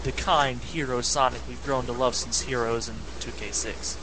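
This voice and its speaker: A man's voice: mid-range voice, steady tone, moderate pace, pushed and bright, rough recording. A man co-hosting a casual podcast, talking about a video game story with enthusiasm. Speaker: podcast co-host.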